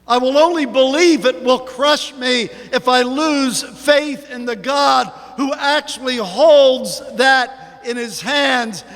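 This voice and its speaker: A man preaching a sermon as pastor, slow and emphatic, with sudden rises in pitch. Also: a bit bright, long reverb tail. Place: church sanctuary.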